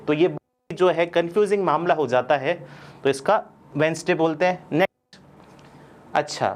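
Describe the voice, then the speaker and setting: A man teaching an online English pronunciation lesson. He asks his students questions, answers them himself and repeats each word slowly. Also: high-pitched. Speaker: coaching-class English teacher.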